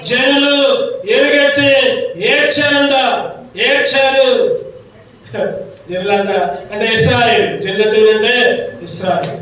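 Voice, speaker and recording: Man preaching, really high voice, booming echo, sounds far off from the mic. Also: flat delivery, a little slow, long pauses, pushed and bright, slight background noise. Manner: rhetorical questions and repeated phrases. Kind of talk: sermon. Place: church hall. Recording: echoey hall from far off.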